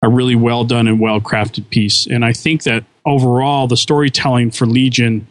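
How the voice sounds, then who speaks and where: On a casual podcast he co-hosts, a man talks with enthusiasm, rambling and often restarting his sentences. His mid-range voice has little pitch movement and a moderate pace, with no room sound.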